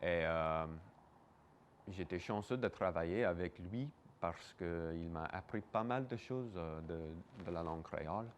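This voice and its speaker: A man's voice: sits low, a little slow, a little hiss or hum. A man giving hesitant, explanatory answers in a casual interview. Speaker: museum interviewee.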